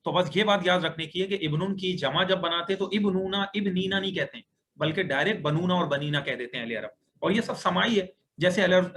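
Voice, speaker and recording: Bright high-voiced male Arabic teacher. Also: slight background noise. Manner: patient, explains step by step while writing on screen. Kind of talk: online grammar lecture. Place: online class on a video call.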